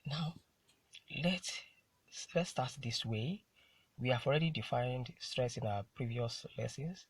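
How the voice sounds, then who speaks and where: A male teacher gives a lecture at an unhurried, measured pace. His voice is a little husky and sounds close and dry. He repeats key words and poses questions to his class before answering them. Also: medium pitch, no room sound. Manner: deliberate, repeats key terms and asks rhetorical questions. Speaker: English teacher.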